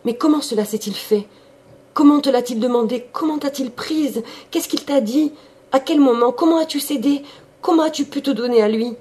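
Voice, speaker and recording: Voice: medium pitch, steady tone, breathy edge. A reader voicing a betrayed young noblewoman who fires off questions in a rush, in an audiobook of a classic novel. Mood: urgent questioning. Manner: urgent, rapid-fire questioning.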